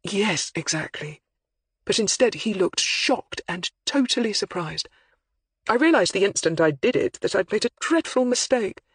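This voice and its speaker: A man's voice: high voice, expressive, normal speed, a bit bright, slightly rough, no echo, voice pushed up, heavily acted. A narrator voicing an older male academic who speaks in a wavering, hesitant, apologetic way. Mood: pained, defensive.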